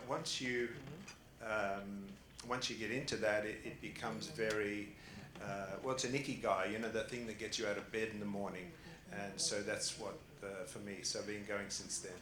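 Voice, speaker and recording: A man with a fairly low, slightly bright voice and an Australian accent speaks on a conference panel as a family office founder, chatty and laughing with many fillers and restarts. The casual panel talk is recorded in a roomy conference hall with faint ambience and slight background noise.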